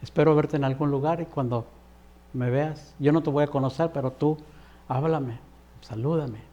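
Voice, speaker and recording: A man's voice: on the high side, fairly even intonation, moderate pace, dark tone, lo-fi sound. A man preaching an earnest televised sermon, exhorting the viewer directly.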